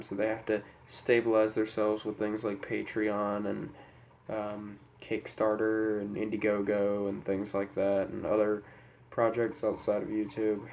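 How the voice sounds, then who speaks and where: His lowish, slightly mellow voice thick and stuffy from a head cold, a young YouTuber apologizes to his audience in an unscripted talk to camera. He's somber and hesitant, and the camera mic picks up a little hiss or hum.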